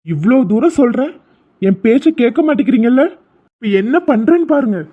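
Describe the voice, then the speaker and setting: A man's voice: extremely high pitch, lively intonation, a little fast, slightly rough, heavily acted. A man voicing a desperate lovesick young man. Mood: bitter. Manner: pleading, then fierce and bitter. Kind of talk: Tamil cartoon voice acting. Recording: tinny phone-like lo-fi audio.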